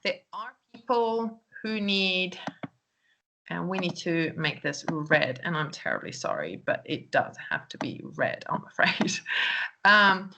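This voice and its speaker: A woman's voice: lowish voice, expressive, measured pace, gravelly, sharp tone, a little hiss or hum. A woman English teacher, giving recorded feedback to her class in a chatty way with lots of "um" and "okay?".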